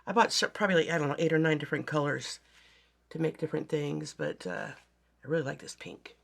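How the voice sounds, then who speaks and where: A yarn crafting vlogger, hoarse from a bad cold with a raspy voice, chatting casually to viewers about finished projects. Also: mid-range voice, fairly even intonation, fast talker, fairly bright tone. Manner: chatty, meandering, talks to viewers directly. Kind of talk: casual show-and-tell vlog.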